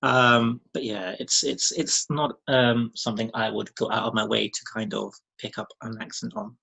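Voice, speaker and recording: A British man in his thirties, a podcast guest, chats casually and rambles, full of ums and restarts and quick to laugh. His voice is lowish, gravelly and flat, pushed and bright with a breathy edge, at a moderate pace. The audio quality is poor.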